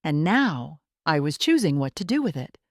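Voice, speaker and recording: A woman giving a measured, reflective first-person story narration. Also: sits low, very animated, no room sound, studio quality.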